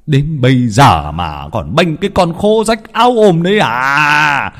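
A man voicing a hot-tempered older husband who yells and stammers abuse in a ghost story. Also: on the low side, rapid-fire. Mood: raging, shouting. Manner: yelling, stammering in rage. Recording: long hall reverb.

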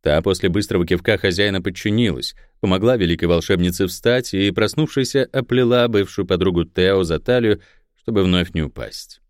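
A man narrating a fantasy novel in a steady storytelling voice into a close microphone. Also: low voice, brisk, dry recording. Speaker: audiobook narrator.

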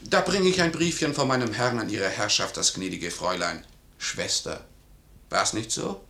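A sly smooth-talking manservant. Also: male voice, on the low side, moderate pace, pushed and bright, a little hiss or hum. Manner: sly, insinuating. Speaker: servant. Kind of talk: 1950s radio play acting. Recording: echoey 1950s radio studio.

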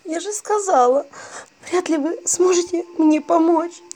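A woman's voice: high voice, lively intonation, normal speed, voice pushed up. A woman voicing a weepy, self-pitying dead young bride who talks through sobs. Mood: sobbing. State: sobbing.

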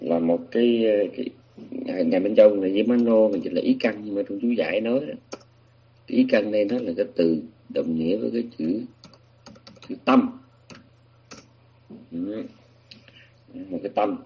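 A man's voice: fairly low pitch, normal speed, long pauses, breathy edge, muffled recording. A man giving a Buddhist sutra lecture, explaining patiently with many restarts and fillers. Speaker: Buddhist teacher.

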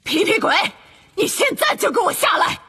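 Casting: woman as strict older female professor, forceful, scolding, commanding, for audiobook. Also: a little high, huge pitch swings, moderate pace, slightly rough, heavily acted. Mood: stern, angry. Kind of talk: audiobook character acting.

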